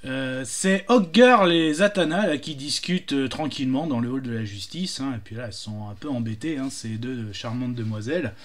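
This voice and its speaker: A man's voice: mid-range voice, lively intonation, normal speed, few pauses. A man telling jokes casually, hesitant, with many fillers and restarts. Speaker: joke teller.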